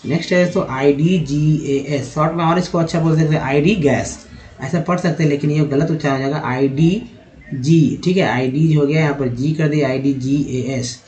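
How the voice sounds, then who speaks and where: A man's voice: on the high side, steady tone, darkish tone, lo-fi sound. Man teaching in an echoey room. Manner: spells out letters and sounds words out slowly. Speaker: English reading teacher. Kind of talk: teaching lesson, reading words off slides.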